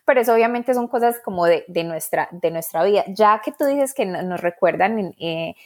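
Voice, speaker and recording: A woman from Colombia with a strong Colombian accent, co-hosting a podcast and speaking earnestly and reflectively, slowing down to stress her points. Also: mid-range voice, animated, a little mellow. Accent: Colombian Spanish. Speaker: podcast co-host. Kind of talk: casual podcast chat.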